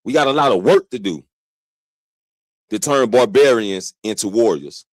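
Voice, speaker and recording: A man hosting a stream, giving casual reaction commentary in a relaxed way, talking back to the clip and laughing now and then. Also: fairly low pitch, normal speed, dry recording, clean studio sound. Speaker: stream host.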